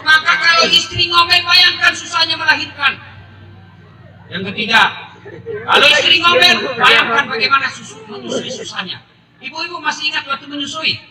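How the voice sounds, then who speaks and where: A middle-aged man preaching a humorous sermon to a live crowd, animated and breaking into shouts. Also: very high-pitched, normal speed. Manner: jokey, animated, bursts into shouting. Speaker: Islamic preacher. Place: public gathering with live audience. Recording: echoey and distant with crowd noise. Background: audience laughter and ambient noise.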